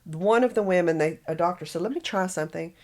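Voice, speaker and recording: A woman's voice: fairly low pitch, fast talker, darkish tone. A woman with a Southern US accent, co-hosting a podcast in casual chat and telling stories with easy laughter. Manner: chatty storyteller, laughs often. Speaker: podcast co-host.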